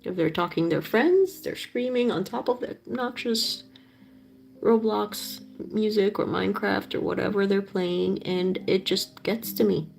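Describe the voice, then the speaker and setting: Woman in her 30s, art streamer, casual chat, gravelly, mellow tone, soft music behind. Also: medium pitch, moderate pace. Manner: chatty, bubbly, gushing over colors. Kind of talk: casual chat while painting.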